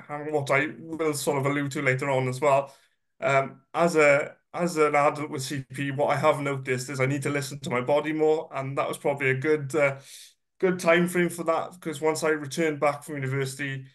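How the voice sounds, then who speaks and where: A guest speaker in his thirties gives a chatty, self-deprecating personal presentation, full of ums and uhs. Congested from a cold, he sounds slightly nasal, with a voice on the high side that is flat, fairly quick, and fairly bright.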